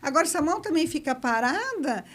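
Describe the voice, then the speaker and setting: A middle-aged woman with a high, lively voice, chatting on a podcast. She explains public speaking expressively and talks with her hands. Her delivery is warm and animated. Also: fast. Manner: expressive, gestures a lot while talking. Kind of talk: casual podcast chat.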